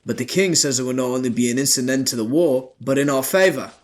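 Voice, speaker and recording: A man's voice: mid-range voice, fast talker, close to an everyday voice. A man voicing a crude soldier who earnestly believes in an ancient spirit. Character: male soldier, devout believer, crude and harsh.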